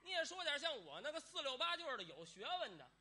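High, lively, bright-voiced comic woman. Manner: quick, lively, bantering. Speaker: comedian. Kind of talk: crosstalk comedy duet. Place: stage before an audience.

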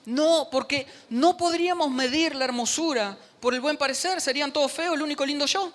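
A man's voice: extremely high pitch, fairly quick, slight background noise. A man preaching a sermon in a church, joking and speaking straight to the congregation. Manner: animated, joking preacher addressing the congregation directly.

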